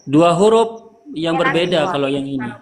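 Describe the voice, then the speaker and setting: Patient male Quran teacher, high voice. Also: lively intonation, moderate pace. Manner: patient, repeats terms for students. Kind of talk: online tajwid lesson.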